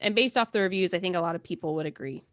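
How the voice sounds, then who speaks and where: A woman's voice: fairly low pitch, racing, a bit bright, no room sound, studio quality. A woman co-hosting a book podcast, chatting casually with a slight lisp and laughing often. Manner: giggly, exclamatory, laughs often. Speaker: podcast co-host.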